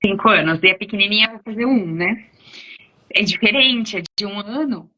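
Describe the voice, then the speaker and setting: Bright-voiced woman explaining parenting, lo-fi sound. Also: mid-range voice, normal speed. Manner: warm explanatory, frequent "né?" tags. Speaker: educator giving parenting talk. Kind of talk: casual talk answering questions. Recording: dull lo-fi audio.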